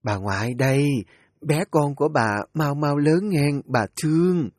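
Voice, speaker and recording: A man's voice: fairly high pitch, a little slow, dry recording, clean studio sound, soft background music, voice pushed up. A man voicing a kind elderly grandmother cooing over her newborn grandchild. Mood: doting. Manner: gentle, doting.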